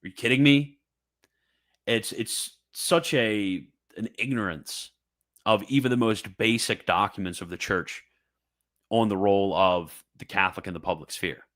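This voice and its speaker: A man's voice: fairly low pitch, measured pace, a bit bright. A man giving fervent, emphatic commentary, reading a religious text aloud and reacting with repetition and mocking asides.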